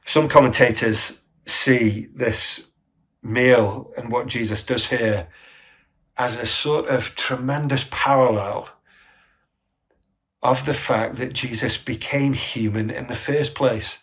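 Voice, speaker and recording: A male preacher delivers his sermon at an unhurried, measured pace in a mid-range voice. He draws listeners into the story, inviting them to imagine the scene and turning to them with rhetorical questions. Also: medium pitch, steady tone, a bit bright. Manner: asks the congregation rhetorical questions.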